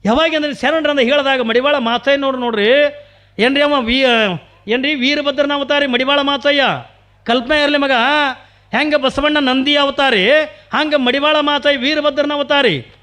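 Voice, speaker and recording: A man's voice: very high-pitched, steady tone, moderate pace, bright, forceful tone. A man telling a devotional story as a purana preacher, sing-song and full of rhetorical questions.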